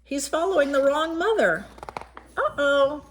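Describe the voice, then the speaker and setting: A woman reads to young children from a picture book in a high, very animated voice, with a slight hiss or hum in the audio. Full of expression, she pauses to explain the pictures and ask questions.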